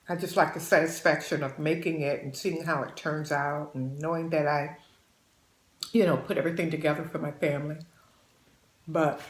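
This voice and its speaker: Slow-talking folksy woman in her sixties. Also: deep voice, reverberant. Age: 60s. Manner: folksy, motherly, calls viewers babies. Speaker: channel host. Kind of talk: casual chat while eating.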